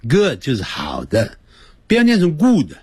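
A man teaching English on a radio lesson, explaining phrases and drilling pronunciation by stretching words out slowly. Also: medium pitch, huge pitch swings, slightly rough, no room sound. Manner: switches between explanation and example phrases.

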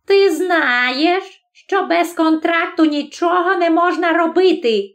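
A sly male devil squeaks and wheedles in a storybook reading, put on by a woman narrator. His voice sits very high and thin. He stretches his words out very slowly. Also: heavily acted. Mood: teasing. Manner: squeaky, wheedling, then pleading. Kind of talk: audiobook character voice.

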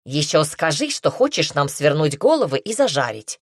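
A woman's voice: low voice, very animated, normal speed, dry recording, clean studio sound, exaggerated voice. A woman voicing a sardonic, mocking woman. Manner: scolding, snorting, mocking.

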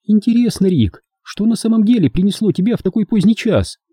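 A man's voice: sits high, lively intonation, brisk, mellow, slightly rough, no echo, studio quality, pitched above the performer's own voice. A man voicing a prim, prickly young woman secretary who speaks sharply and indignantly in an audiobook reading. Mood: flustered.

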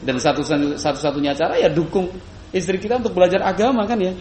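A man preaching a sermon, telling a story in a lively way and acting out high voices for the people in it. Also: fast. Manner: lively, acts out quoted voices in high pitch. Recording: echoey room with faint background noise.

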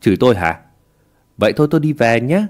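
A man's voice: medium pitch, big pitch swings, fast talker, a little mellow, lightly acted. A man voicing a blunt, curt young village man who idles and gambles. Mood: mocking.

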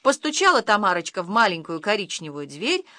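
Animated woman reading a children's book. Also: mid-range voice, a little fast, no room sound, clean studio sound. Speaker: audiobook reader. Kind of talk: scripted storybook narration.

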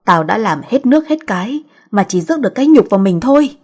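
A woman voicing an angry middle-aged mother who scolds harshly and loudly, in a husky voice. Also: on the high side, lively intonation, quick pace. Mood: scolding.

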